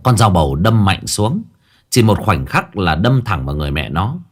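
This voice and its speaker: A man's voice: deep voice, very animated, moderate pace. A man narrating a Vietnamese ghost story in the first person, telling it in a dramatic way.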